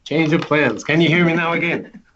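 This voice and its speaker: A man with an Arabic accent speaks in a fairly high register. He gives an earnest, informal presentation with halting, wordy phrasing. The audio is dull and muffled, like an online meeting. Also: crowd noise. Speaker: interpreter.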